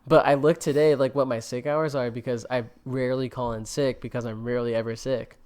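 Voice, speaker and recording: A man's voice: medium pitch, fairly even intonation, a little fast, a little mellow, clean tone. A man co-hosting a podcast in casual chat, rambling with lots of fillers and jokes. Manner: rambling, filler-heavy, jokey. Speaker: podcast co-host.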